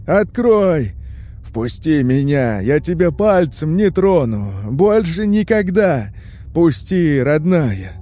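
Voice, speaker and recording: A man voicing a brutal middle-aged major who screams hoarsely and cracks into falsetto. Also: exaggerated voice. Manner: yelling, begging hysterically.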